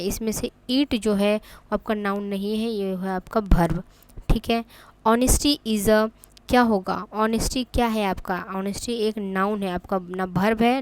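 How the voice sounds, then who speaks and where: A woman teaching an exam-prep grammar lesson, often pausing on "ठीक है" and spelling examples out slowly. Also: medium pitch, fairly even intonation, slight background noise.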